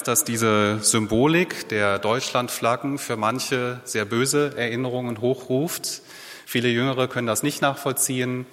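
A man preaching a sermon in a relaxed, conversational way, putting rhetorical questions to his listeners. His mid-pitched voice carries a long reverb, as if he is speaking in a large church hall.

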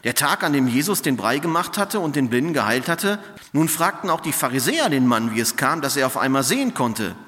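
A man reading a Bible passage aloud in a church service and then praying, with an expressive, measured delivery. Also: mid-range voice. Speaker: scripture reader. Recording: long church reverb.

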